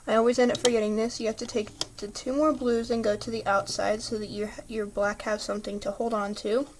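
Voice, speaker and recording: A woman's voice: a little high, flat delivery, fairly quick, noisy background. A woman patiently talking through a step-by-step craft tutorial, chatty, with small slips, apologies and a slightly throaty voice.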